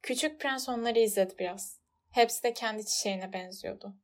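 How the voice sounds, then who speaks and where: A woman reads a storybook aloud in a measured, expressive narrating voice. Her pitch sits in the middle range and her delivery stays steady and even. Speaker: audiobook narrator.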